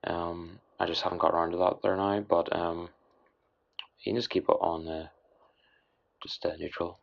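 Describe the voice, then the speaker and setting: A man giving a casual, unscripted software tutorial in a tired, hoarse voice with a breathy rasp, halting and mumbling as he goes. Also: deep voice, flat delivery. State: hoarse, worn-out late-night voice. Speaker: music production tutorial host. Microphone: voice-over on screen recording. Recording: dull, lo-fi voice-over.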